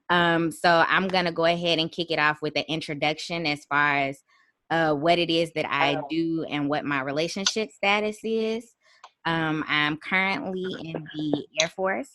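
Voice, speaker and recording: Low-voiced woman hosting a podcast. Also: a little hiss or hum. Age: 30s. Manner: relaxed, chatty, frequent ums. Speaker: podcast host. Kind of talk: casual podcast chat.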